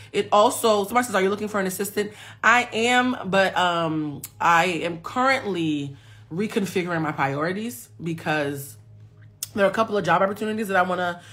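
Recorded on a phone, a woman in her forties runs a relaxed live stream as a self-mastery coach, her voice on the low side and a bit bright. She addresses viewers with emphasis and reads out what they comment.

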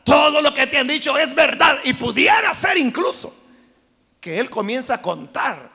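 A man's voice: very high-pitched, animated, normal speed, pushed and bright, voice pushed up, full character voice. A man acting out a weeping, manipulative young boyfriend who begs for forgiveness. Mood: pleading. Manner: tearful, begging, emphatic. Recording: long reverb of a large hall.

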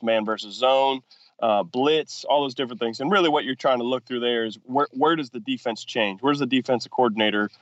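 A man's voice: medium pitch, no echo. Male football coach, podcast guest, hesitant explainer, dry slightly muffled audio. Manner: halting, many restarts and fillers, explanatory. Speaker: football offensive coordinator and quarterbacks coach, guest. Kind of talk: podcast interview.

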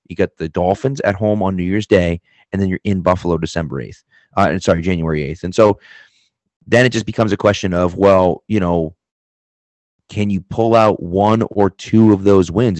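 Male, mild Boston accent, low pitch, casual sports analysis, podcast guest, dry close sound. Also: darkish tone, dry recording.

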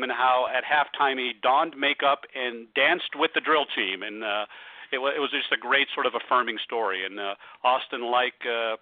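An American man hosting a casual sports talk interview, speaking in a halting, rambling way. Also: medium pitch, no room sound. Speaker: radio show host. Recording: thin, dry phone-like radio audio.

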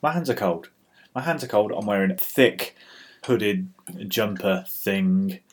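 A British man with a slightly low voice chats off the cuff as the host of a homemade weather show. He is dry and grumbling, full of mock exasperation. It is recorded on a laptop's built-in microphone. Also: lively intonation, measured pace. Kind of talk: rambling casual solo chat.

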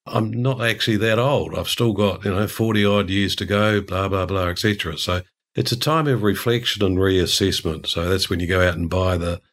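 A man's voice: sits low, normal speed, a bit bright. An older man from New Zealand explaining ideas in a discursive, chatty way, full of asides. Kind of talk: casual conversation.

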